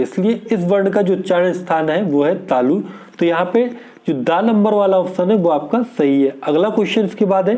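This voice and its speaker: Guy tutor going over exam questions, kinda high voice, soft mellow tone. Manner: steady explanatory, asks and answers own questions. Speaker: teacher. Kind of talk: exam prep lesson.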